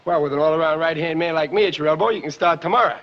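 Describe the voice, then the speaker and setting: A man's voice: a little high, rapid-fire, natural voice. An actor playing a jovial boastful right-hand man. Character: cheerful right-hand man, middle-aged. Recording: dull 1940s film soundtrack with faint hiss.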